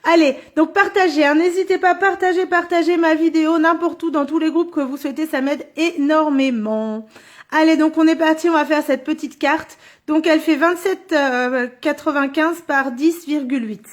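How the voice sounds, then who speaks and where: A woman's voice: high voice, steady tone, moderate pace. A middle-aged woman running a live card-making tutorial, chatty and thinking aloud as she works, filmed indoors on a phone on a stand. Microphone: phone or camera on a stand.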